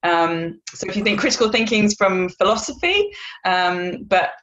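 A woman's voice: medium pitch, lively intonation, moderate pace, fairly bright tone, muffled recording. A woman from North Wales, in her thirties, answering interview questions in a chatty way full of fillers, over a video call. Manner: chatty, many fillers, laughs easily. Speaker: guest.

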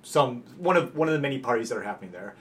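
A man co-hosting a podcast, casually explaining a film's story in quick bursts. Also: mid-range voice, animated, fairly bright tone. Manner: explains plot context in quick bursts, with restarts. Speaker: podcast co-host. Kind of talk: casual film discussion.

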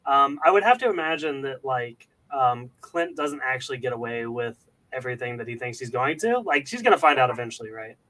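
Bright, forceful male podcast host. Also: mid-range voice, expressive, a little fast, low-quality recording. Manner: chatty, many fillers and restarts. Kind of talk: casual chat about a TV series.

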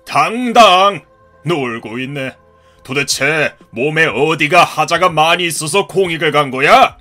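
A man voicing a gruff, hot-tempered ex-marine father in his fifties who scolds and shouts in a cartoon story. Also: on the high side, animated, measured pace, faint music behind, pitched below the performer's own voice. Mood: furious. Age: 50s.

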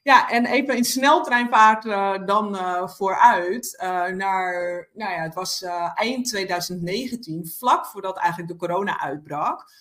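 A woman's voice: medium pitch, measured pace, hardly any pauses, a bit bright. A woman guest on a podcast, telling her own story in a reflective way with many hesitations and fillers. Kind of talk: personal storytelling in conversation.

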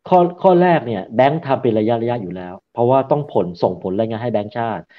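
A man's voice: on the low side, big pitch swings, fast talker. A man giving confident, emphatic expert answers as a securities analyst guest, mixing in English finance terms. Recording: slightly dull lo-fi sound.

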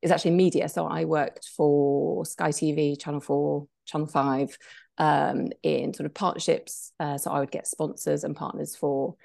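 Low gravelly woman chatting. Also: flat delivery, moderate pace, darkish tone. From England. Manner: chatty, hesitant with many fillers. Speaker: guest, business co-founder. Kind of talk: conversational interview.

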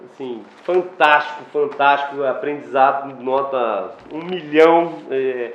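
A man's voice: mid-range voice, reverberant, highs cut off. A man hosting a casual podcast interview, chiming in eagerly and asking questions. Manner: enthusiastic, quick interjections. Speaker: podcast host.

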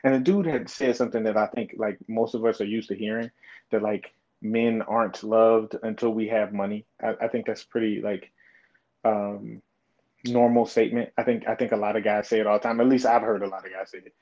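Fairly low and warm, this twenty-something man's voice has a flat delivery and moves a little fast. Appearing as a guest on a casual podcast interview, he talks thoughtfully but hesitantly, full of fillers, over slightly dull lo-fi sound.

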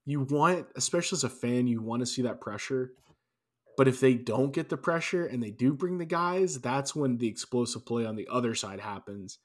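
A male podcast co-host trades easygoing sports banter in casual chat, loose and prone to restarting, with dry, wry asides. His mid-range voice moves at normal speed.

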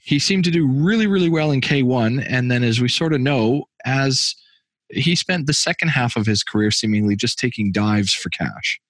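Lively male podcast host, dry sound. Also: medium pitch, moderate pace, dry recording. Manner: lively, searching for words. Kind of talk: interview questions.

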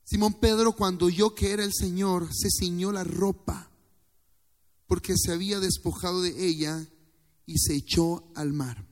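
A man's voice: high voice, steady tone, a little slow. A male pastor preaching a fervent sermon, calling on the congregation to repeat phrases after him. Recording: long church hall reverb.

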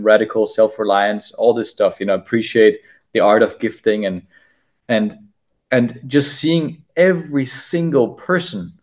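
A man with a fairly low voice is a guest on a podcast interview. He tells his story casually and often stumbles, repeating small words as he thinks.

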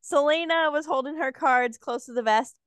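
A woman's voice: high voice, moderate pace, a bit bright, dry recording, clean studio sound. A young woman co-hosting a book podcast, blunt and emphatic, swearing freely in casual chat. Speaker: podcast co-host.

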